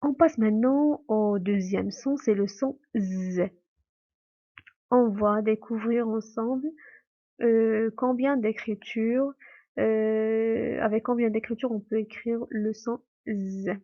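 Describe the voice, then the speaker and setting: A woman's voice: a little high, steady tone, slow, dark tone, highs cut off. A woman teacher giving a patient phonics lesson to young children, repeating words and asking questions.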